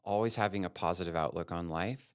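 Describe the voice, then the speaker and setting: A man's voice: low voice, quick pace, clean tone, no room sound, clean studio sound. A man from Wyoming, a guest photographer, talking candidly and earnestly in a casual interview, with long run-on thoughts.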